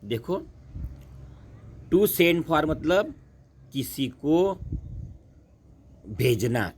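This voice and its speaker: A man teaching a class, slowly repeating words and asking and answering his own questions. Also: a little high, slight background noise. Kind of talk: classroom lesson.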